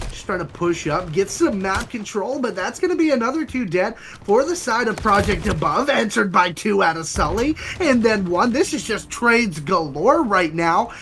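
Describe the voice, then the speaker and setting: High-voiced young esports caster. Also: male voice, slight background noise. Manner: fast, excited play-by-play with sudden outbursts. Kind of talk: play-by-play commentary.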